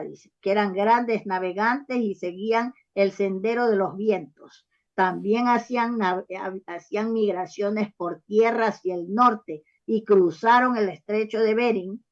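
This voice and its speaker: Woman guest rambling on and on, keeps going "you know?", muffled lo-fi sound. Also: mid-range voice. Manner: rambling, often checks in with "¿sabes?" and "¿ah?"; frequent false starts and hesitations. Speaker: author interviewed as guest. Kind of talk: long explanatory interview answers. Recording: dull lo-fi recording.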